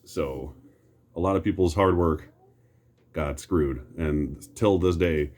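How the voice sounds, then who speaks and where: Very deep-voiced American man on a nostalgic rant. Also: slow, darkish tone. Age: middle-aged. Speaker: host reminiscing about superhero films. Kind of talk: casual rambling nostalgic commentary.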